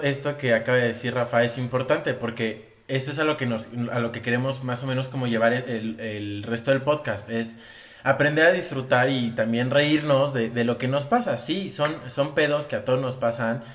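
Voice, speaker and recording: A man's voice: medium pitch, moderate pace, a bit bright. A Mexican man co-hosting a podcast in casual chat, reflective, explaining and steering the conversation. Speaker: podcast co-host.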